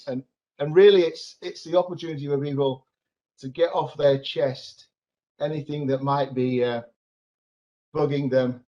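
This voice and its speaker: A man's voice: mid-range voice, dark tone. A middle-aged man chairing an informal meeting, hesitant and often repeating his words. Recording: dull lo-fi video call audio.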